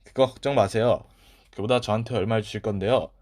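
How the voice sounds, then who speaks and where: A man voicing an eager, polite young boy servant in a children's storybook, loud and earnest. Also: on the low side, quick pace, lightly acted.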